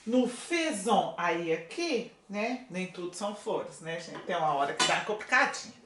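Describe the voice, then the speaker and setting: Lively woman teaching slow, in a roomy echo. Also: lowish voice, distant mic, noisy background. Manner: slow, drawn-out model pronunciations with lively coaching asides; frequent tag questions to viewers. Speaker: French teacher. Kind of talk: online language lesson. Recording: roomy echo, voice a bit off-mic.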